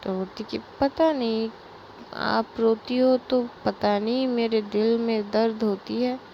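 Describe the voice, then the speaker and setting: Woman doing a soft clingy young girl, slow gravelly voice, sweet. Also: on the high side, steady tone, muffled recording, a little hiss or hum.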